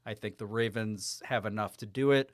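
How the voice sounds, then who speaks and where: A man's voice: lowish voice, moderate pace, dry recording, clean studio sound. A man co-hosting a sports podcast in casual, chatty talk, laughing easily. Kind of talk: casual sports betting chat.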